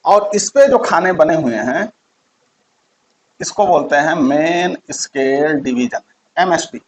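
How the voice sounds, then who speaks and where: A man's voice: on the high side, expressive, takes it slowly, slight background noise, poor audio. A man giving a physics lesson, repeating key terms and quizzing his students. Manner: repeats key terms, asks quiz questions. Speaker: teacher.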